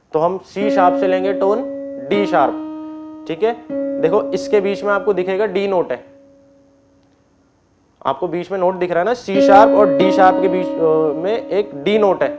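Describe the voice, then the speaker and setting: High-voiced man teaching keyboard. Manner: patient step-by-step explaining with frequent checks; clears throat often. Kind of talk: online music class. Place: indoors with keyboard and board.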